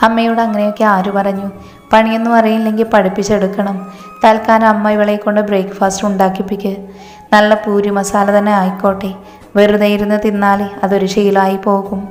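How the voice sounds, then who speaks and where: A woman's voice: medium pitch, little pitch movement, fairly quick, darkish tone, close to an everyday voice. A woman voicing an abusive, bullying young husband who speaks in a harsh, mocking, threatening way. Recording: echoey room, faint music.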